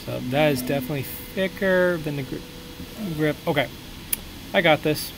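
A young adult man thinks aloud with plenty of fillers while modeling a prop on a live stream from a small room at home. His voice is on the high side and his speed normal. The casual commentary has background noise behind it.

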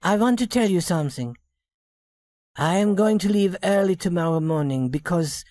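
A woman's voice: on the low side, a little mellow, no room sound, clean studio sound, lightly acted. Madame Beaumont, a woman voicing a refined lady. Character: young working woman posing as a rich lady. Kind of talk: storybook reading for English learners.

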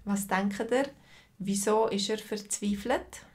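Slow, patient woman teaching a lesson. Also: mid-range voice, darkish tone. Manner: slow, patient, addresses students by name. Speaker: language teacher. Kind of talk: live online language lesson.

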